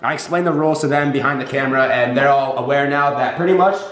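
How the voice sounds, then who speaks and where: A man's voice: medium pitch, fast talker, a bit bright. A young man talking casually and slangily to his viewers as a vlog host. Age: young adult. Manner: slangy, addresses viewers directly. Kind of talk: casual vlog talk to camera. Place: indoors in rooms and kitchen of a large house. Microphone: handheld camera at arm's length or set nearby. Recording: echoey indoor room, faint music underneath.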